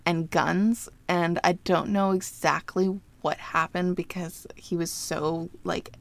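A woman's voice: on the low side, vocal fry, no echo. A woman co-hosting a true-crime podcast, telling the story in a chatty, filler-heavy way with frequent laughter. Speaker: podcast co-host. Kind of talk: casual true-crime chat.

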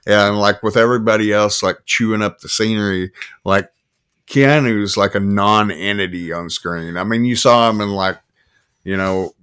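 A man hosting a podcast, rambling and swearing, with erratic jumps in pitch and pace. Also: steady tone, moderate pace, fairly bright tone, clean tone. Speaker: podcast host. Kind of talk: rambling casual chat.

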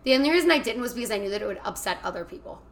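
A woman's voice: medium pitch, animated, very fast. A young woman co-hosting a casual podcast from a kitchen table at home, blunt and sardonic with crude jokes. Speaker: podcast co-host. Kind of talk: casual chat.

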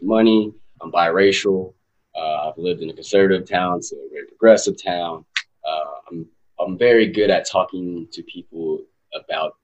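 Deep-voiced young man, thoughtful. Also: darkish tone, low-quality recording. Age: 20s. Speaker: podcast guest. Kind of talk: casual interview chat.

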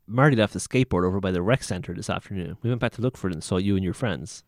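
A man's voice: sits low, rapid-fire, a little mellow, dry recording. A man doing a brash, cocky teen boy.

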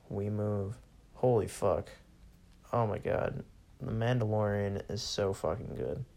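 Young male solo podcaster, low and gravelly, profane and sarcastic, casual rant. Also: dark tone. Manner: profane, bored and sarcastic, laughs often.

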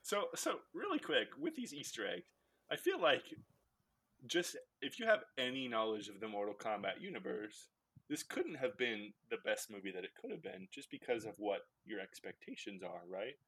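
A man's voice: mid-range voice, big pitch swings, normal speed, fairly bright tone, slightly rough. A man hosting a casual podcast, recapping a movie in a rambling way with lots of fillers and laughs. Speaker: podcast host.

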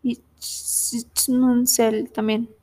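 A young woman talks to herself in a casual vlog, slowly and haltingly sounding out German and English words as she studies. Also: on the high side, little pitch movement, dark tone. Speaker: vlogger. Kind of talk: casual self-talk while studying languages.

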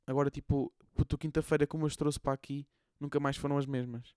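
A young man with a European Portuguese accent, co-hosting a casual podcast chat, slangy and quick to laugh. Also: fairly high pitch, level tone, darkish tone, smooth, no echo, studio quality. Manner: slangy and swearing, laughs easily. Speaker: podcast co-host.

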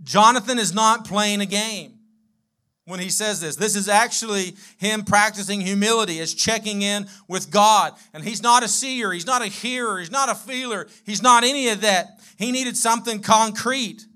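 A man's voice: sits high, bright, forceful tone. A man preaching a sermon as pastor, building with emphatic repeated lines and calling on the congregation to respond.

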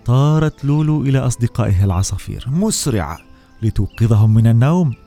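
A man narrating a bedtime story to children in a gentle, soothing way. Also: mid-range voice, expressive, quick pace, faint music behind.

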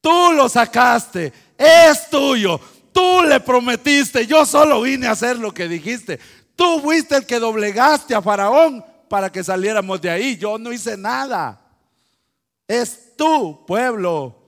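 A preacher voicing a male prophet who loudly insists he is only following orders. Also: very high-pitched, animated, takes it slowly, voice pushed up, exaggerated voice. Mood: insistent. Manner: loud, insistent protest. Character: defiant male prophet arguing with God. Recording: long hall reverb.

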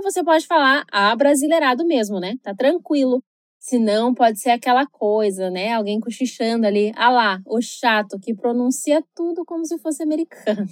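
A woman with a Brazilian Portuguese accent teaching English pronunciation in a chatty scripted video lesson, slowing down to model each word carefully. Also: high-pitched, darkish tone, no echo, studio quality. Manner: chatty, tag questions, slow careful model words.

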